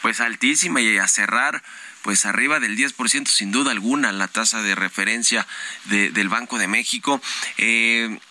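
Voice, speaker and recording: A man's voice: fairly low pitch, normal speed, bright, forceful tone. A man with a Mexican accent hosting a radio interview, asking long questions with many fillers and restarts. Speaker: radio host.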